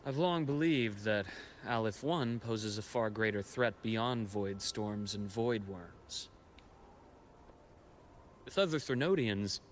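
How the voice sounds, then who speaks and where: A man with a fairly low, natural-sounding voice performs scripted story dialogue for a video game, playing a composed and knowledgeable expedition guide and scholar. He recounts history in a measured, reflective manner, with slight background noise.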